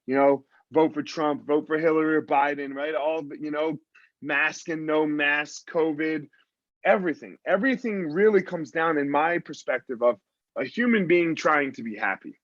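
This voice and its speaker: A man's voice: on the high side, moderate pace, fairly bright tone, no echo. A man in his forties hosting a podcast over a video call, talking loosely and bluntly with lots of fillers. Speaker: podcast host. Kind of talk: casual interview chat. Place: small room at home. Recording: dull dry video-call audio.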